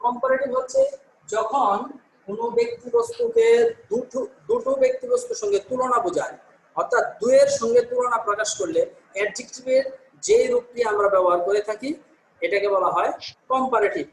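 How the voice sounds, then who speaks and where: A man's voice: very high-pitched, very animated, fairly quick, echoey room, poor audio. A male teacher from Bangladesh giving an online class, explaining step by step, answering his own questions and correcting himself with "sorry". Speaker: English teacher.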